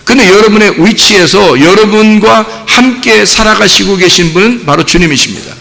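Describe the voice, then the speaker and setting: A man preaching a sermon as pastor, animated and acting out the voices of parents and doubters. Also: sits high, normal speed, gravelly. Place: church sanctuary. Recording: long church hall reverb.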